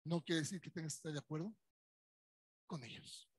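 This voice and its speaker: A pastor with a Mexican accent preaches his Sunday sermon in a conversational tone. His voice sits high for a man and has a husky grain. The sound is dry and close. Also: a little fast, no echo.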